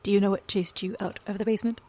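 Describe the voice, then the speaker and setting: Woman, tabletop player, mid-pitched voice. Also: fairly even intonation, racing, mellow. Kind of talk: in-character tabletop play.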